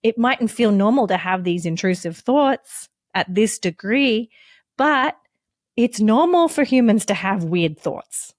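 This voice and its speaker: A woman therapist speaks as a podcast guest, gentle and reassuring as she walks the listener through each step. Her voice sits at a middle pitch. The recording is close and dry, with no room sound. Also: animated, measured pace, no room sound. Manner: gentle, reassuring, instructive, with frequent "like" and "right?". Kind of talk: explanatory podcast conversation.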